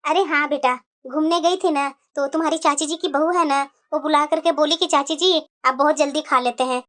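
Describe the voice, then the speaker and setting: A woman voicing an elderly, long-suffering mother-in-law in a cartoon family drama, dropping into a soft, low put-on voice. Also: steady tone, normal speed. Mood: explaining. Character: elderly mother-in-law, weary and peace-keeping.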